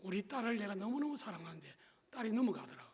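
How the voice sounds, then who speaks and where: A man's voice: high voice, big pitch swings, fast, breathy edge. A middle-aged male pastor with a Gyeongsang Korean accent, telling a personal story in a sermon with colloquial, joking asides to the congregation.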